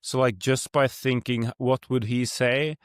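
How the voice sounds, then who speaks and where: Hosting a laid-back podcast, a young man from Norway, speaking with a Norwegian accent, reflects aloud and wanders between thoughts, using plenty of fillers. He speaks a little slowly in a steady, clean mid-range voice, and the studio audio is clear with no echo.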